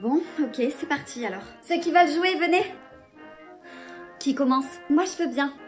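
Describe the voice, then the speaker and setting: A synthetic woman's text-to-speech voice reading dialogue for a short skit, in an even, machine-like delivery. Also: sits high, moderate pace, faint music behind. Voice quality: synthetic, evenly paced.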